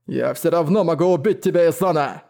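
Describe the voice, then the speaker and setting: A man's voice: a little high, brisk, gravelly, a little mellow. A male narrator voicing a menacing, vengeful brute of a man with a snarling, threatening delivery.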